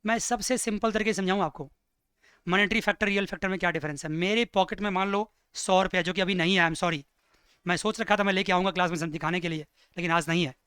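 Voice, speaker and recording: A male teacher gives an economics lecture in a crisp, clear voice, pitched high for a man. He keeps asking the class questions and slows down to dictate notes. The recording is dry and close. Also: dry recording. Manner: lively, asks students questions.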